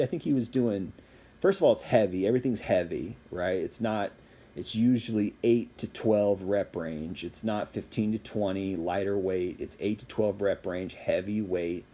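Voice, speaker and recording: Man, husky voice, dark tone, casual rambling fitness talk, repeats himself for emphasis. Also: lowish voice. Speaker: fitness commentator. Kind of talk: casual opinion monologue.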